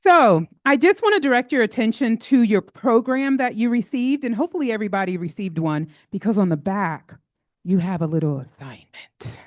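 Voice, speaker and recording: A woman in her forties, a former teacher who now directs a school outreach program, speaking directly to an event audience in a lively, teacherly way. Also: fairly high pitch, normal speed, dry recording, dull audio. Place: public library event room.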